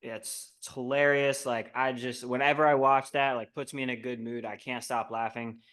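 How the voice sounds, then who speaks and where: A man's voice: mid-range voice, flat delivery, moderate pace, fairly bright tone. A young man co-hosting a casual sports betting podcast, talking eagerly about his favorite team and movies. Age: young adult. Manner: enthusiastic sports fan talk. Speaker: podcast co-host. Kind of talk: casual chat.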